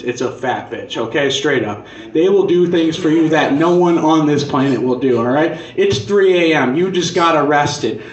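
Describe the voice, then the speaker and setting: A man performing stand-up comedy as a profane, conversational and punchy rant. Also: on the high side. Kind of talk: stand-up comedy monologue, crude casual rant. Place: live comedy venue on stage. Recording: echoey club room, distant dull mic.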